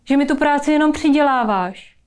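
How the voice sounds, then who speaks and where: A woman's voice: high voice, darkish tone, pitched above the performer's own voice, natural voice. A woman voicing a worried, reproachful young mother talking to her small child. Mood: scolding. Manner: anxious, reproachful.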